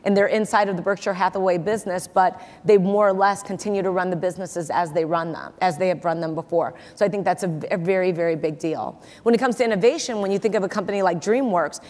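An investor and keynote guest in her forties talks in a low-leaning, slightly mellow voice, moving quickly with hardly any pauses during an onstage interview. She sounds confident and repeats words for emphasis; her lapel mic catches the long reverb of a large conference hall stage.

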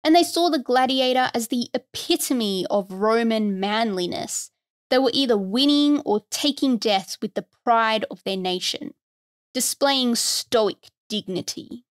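A woman's voice: fairly high pitch, expressive, measured pace, no echo. Wry woman narrating history, dry close sound. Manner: conversational, wry asides. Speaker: podcast host.

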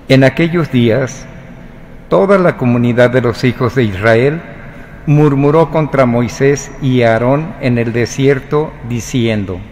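A man reads scripture aloud at a slow, deliberate pace. His voice carries long cathedral reverb over a faint room ambience. His pitch sits in an ordinary middle range. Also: a little hiss or hum. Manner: slow, measured proclamation. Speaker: lector. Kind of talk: liturgical scripture reading.

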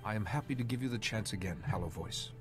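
An actor playing a calm, diplomatic male Jedi hero in a video game, speaking in a measured and earnest way. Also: on the low side, over music, natural voice. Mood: calm, formal. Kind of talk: video game dialogue acting.

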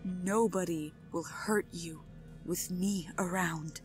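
A woman playing an imperious, possessive queen in an ASMR audio roleplay, regal, controlled and deliberate, with menacing sweetness. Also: lowish voice, fairly even intonation, soft background music. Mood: menacingly sweet.

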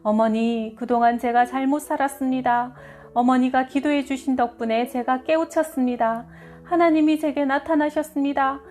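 A sulky, defiant teenage boy, voiced by a woman reading a book aloud, who blurts out his resentment. The voice sits noticeably higher than her reading voice, and soft music plays faintly underneath. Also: fairly even intonation, moderate pace, lightly acted. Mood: meek.

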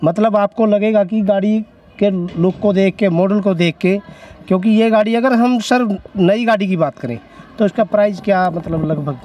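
A man's voice: sits high, moderate pace, dark tone, slight background noise. A man in his thirties hosting a used-car video on an outdoor lot, holding a handheld mic and hyping the prices with emphatic repetition. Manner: salesy, repeats prices with emphasis. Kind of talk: energetic promotional interview.

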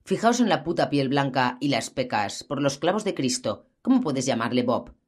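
A woman's voice: extremely low pitch, sing-song, moderate pace, darkish tone, breathy edge, exaggerated voice. A woman reading the part of a foul-mouthed, mocking young man. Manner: crude, mocking.

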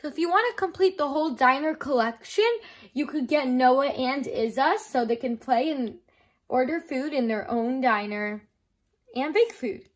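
Speaking at a normal speed in a voice that sits high, a young woman gives a toy review from a small room at home. Her explanation is simple, casual and enthusiastic, peppered with "like" as filler and frequent "I love".

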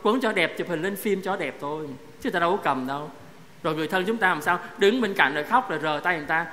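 High-voiced priest preaching in a church. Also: male voice, quick pace, pushed and bright. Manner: conversational, asks the congregation questions. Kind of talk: sermon. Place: parish church. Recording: echoey church hall, faint noise.

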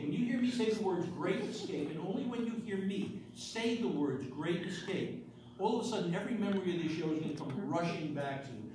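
A middle-aged man working as a stage hypnotist, giving suggestions to volunteers in a commanding, deliberate, repetitive way. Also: sits high. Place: medium-sized carpeted indoor meeting room. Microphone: distant camera across the room. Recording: roomy echo, distant camera mic, background noise.

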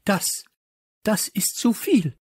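A man reading a children's audiobook, voicing a strict woman teacher who gasps in shrill indignation. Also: very animated, measured pace, darkish tone, breathy edge, no room sound, studio quality, exaggerated voice. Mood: outraged. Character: strict, easily shocked woman teacher on break duty.

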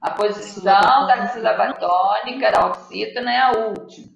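Speaking at normal speed with a slightly high pitch and vocal fry, this teacher reads out words and tests her young students during a patient online Portuguese class. She is Brazilian, and the lo-fi recording sounds dull and echoey, with a faint noise beneath it.

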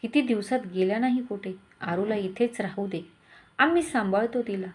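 A woman's voice: mid-range voice, moderate pace, close to an everyday voice. A woman voicing a caring older mother-in-law, speaking in a bossy yet tender way.

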